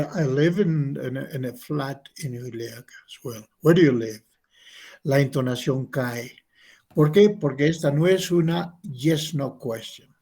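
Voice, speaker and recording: A man's voice: mid-range voice, warm tone, husky. A man teaching an English class, patiently explaining and modeling questions.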